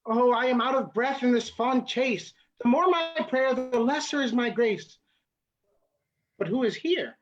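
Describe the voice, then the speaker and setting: A wounded, lovelorn young woman, played by a woman, pleading line after line. The voice is high. The recording sounds dull and lo-fi. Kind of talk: Shakespeare reading.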